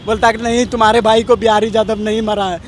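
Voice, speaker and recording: Pleading high-voiced man interviewed outdoors. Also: level tone, fast, slight background noise. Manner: pleading, aggrieved. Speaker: victim's brother.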